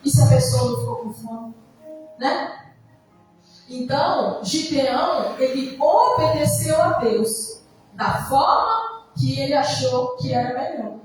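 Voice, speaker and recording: Brazilian woman pastor, high voice, conversational preaching, heard from far off in an echoey church hall with soft music. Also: expressive, slow pace. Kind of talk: sermon.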